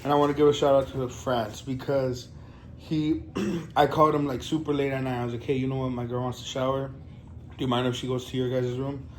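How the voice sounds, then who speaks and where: Profane, animated young man telling a story. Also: mid-range voice, fairly quick, slight background noise, rough recording. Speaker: vlogger. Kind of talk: casual storytelling vlog.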